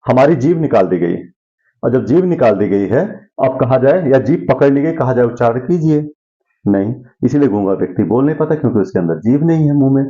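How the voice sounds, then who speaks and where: A man's voice: medium pitch, animated, a little fast, warm tone, lo-fi sound. Man teaching Sanskrit grammar, quizzing aloud. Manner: asks questions and answers them himself. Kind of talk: classroom lesson.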